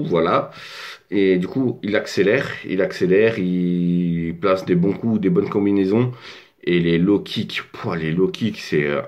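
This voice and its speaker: Alone at a desk in his home, this French MMA commentator rambles through a fight analysis, full of fillers and false starts. He has a deep, slightly mellow voice captured in a muffled recording.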